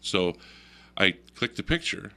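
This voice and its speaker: A man with a somewhat low but bright, forward voice tells a story on a radio talk show. He is an animated teller who laughs often and acts out the voices in his tale. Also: measured pace. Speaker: guest storyteller.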